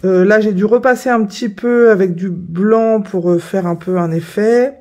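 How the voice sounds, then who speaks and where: A woman's voice: mid-range voice, normal speed, warm tone. Hesitant woman showing her coloring. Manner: hesitant, many fillers and self-corrections. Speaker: coloring hobby vlogger. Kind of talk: casual show-and-tell.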